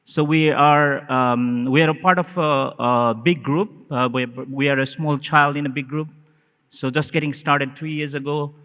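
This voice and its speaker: A man's voice: fairly high pitch, steady tone, moderate pace, a bit bright, clear, resonant tone. Chatty man from Nepal in a hall. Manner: chatty, self-deprecating humor. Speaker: panelist. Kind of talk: self-introduction on a panel. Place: conference hall. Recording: reverberant conference hall.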